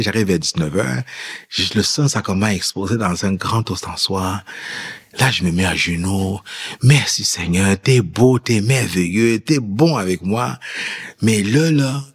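His voice is lowish and slightly rough. He's a guest in an interview recounting his faith story, acting out bits of dialogue, and is an immigrant who lived in France before coming to Quebec.

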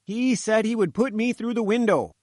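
A man's voice: sits high, moderate pace, darkish tone, no echo, clean studio sound, voice pushed up, lightly acted. A man voicing a fat little male reporter who sputters and pleads cheekily. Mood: cheeky.

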